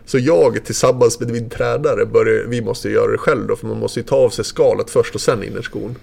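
A man's voice: medium pitch, fairly even intonation, vocal fry, darkish tone. A man and former ski racer, casually retelling a story in a vivid, loose way with fillers and the odd curse.

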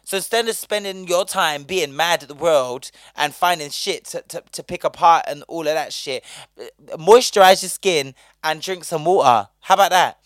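A man's voice: on the high side, moderate pace, a bit bright, no echo, clean studio sound. A man hosting a podcast, talking in a casual, heated and profane monologue. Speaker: podcast host.

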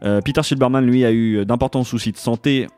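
A man's voice: medium pitch, fairly quick, clean tone. Guy cohost talking bands, chill, with a bit of music under him. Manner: relaxed, presents tracks, soft at times. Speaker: music show co-host. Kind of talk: casual music chat and presenting.

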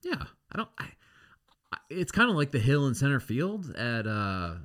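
A man co-hosting a sports podcast, giving relaxed, wry opinions in casual chat. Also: mid-range voice, normal speed. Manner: relaxed, wry, short replies. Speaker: podcast co-host.

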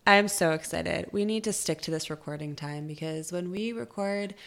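A woman with a bright, crisp-toned voice, co-hosting a casual podcast. She talks in a playful, teasing way and jokes easily with her co-host. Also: lowish voice, normal speed. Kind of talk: casual chat.

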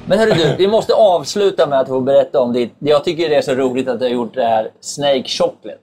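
A man hosting a casual podcast chat, telling stories in a lively way and swearing freely. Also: mid-range voice, faint music behind.

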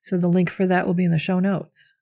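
A woman's voice: lowish voice, level tone, a little fast, creaky, lo-fi sound. A woman hosting a podcast about herbalism, explaining plants and teachers in an informal, talkative way. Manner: warmly explanatory, informal, with fillers. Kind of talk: casual podcast chat.

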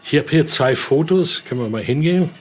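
Brisk and expressive, a man with a voice on the high side leads a casual tour of an indoor exhibition room. As a museum guide and voodoo expert, he explains the displays and frequently drops in small tag questions, with faint background noise captured on location.

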